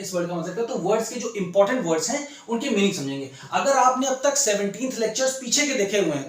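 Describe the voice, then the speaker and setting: A man who speaks Hindi and English with an Indian accent, teaching an online English lesson and coaxing his students, who speak Hindi, with constant check-ins. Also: high voice. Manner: coaxing, keeps adding "ठीक है ना?". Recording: very echoey room.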